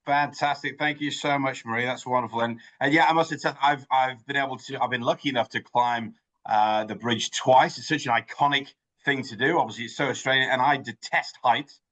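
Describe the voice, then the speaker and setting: A man hosting a virtual business meetup, full of effusive praise for each speaker. His delivery is upbeat and loose, with fillers and restarts throughout. His pitch sits in the middle range for a man. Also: fairly even intonation, brisk, fairly bright tone, rough recording. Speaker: host of an online networking event. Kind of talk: hosting an online meeting. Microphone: video call.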